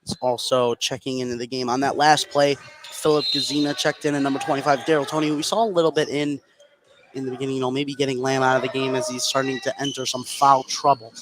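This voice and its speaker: Calling a basketball game live, a play-by-play announcer speaks fast in a mid-range voice with little pitch movement. He's courtside in a school gym, and the noisy broadcast carries loud gym ambience.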